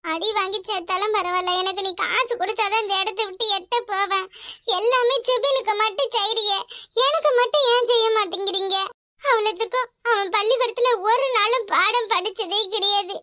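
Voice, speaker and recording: A woman's voice: very high-pitched, normal speed, pushed and bright, no room sound, clean studio sound. A woman voicing a tearful young schoolgirl of about thirteen in a cartoon, with a Kanyakumari Tamil accent and a whiny, begging way of talking. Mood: complaining. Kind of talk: cartoon voice acting.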